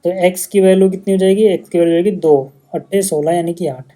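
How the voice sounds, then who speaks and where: A man's voice: high voice, quick pace, warm tone. A male maths teacher, patiently explaining steps in a casual lesson video.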